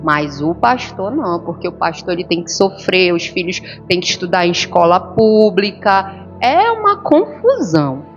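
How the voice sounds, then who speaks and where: A woman's voice: on the low side, very animated, normal speed, highs cut off, soft background music. A woman pastor preaching a sermon, telling her story with emotion and acting out the dialogue. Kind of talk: sermon testimony. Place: church service.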